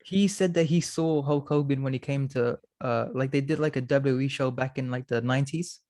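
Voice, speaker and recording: A man's voice: mid-range voice, brisk, a little mellow. A young man in his twenties co-hosting a podcast, chatting casually with lots of filler words. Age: 20s. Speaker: podcast co-host. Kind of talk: casual chat.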